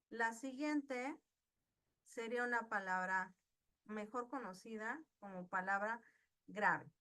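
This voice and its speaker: A woman leads an online lesson, speaking slowly and patiently. Her voice is bright and clear, and she keeps putting questions to her students. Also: medium pitch. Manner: slow, patient, asks the class questions. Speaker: teacher. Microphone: video call.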